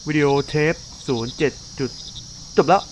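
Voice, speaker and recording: A man playing a horror video game, thinking out loud, swearing casually and blurting out startled reactions. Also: normal speed, a little hiss or hum. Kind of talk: let's play commentary.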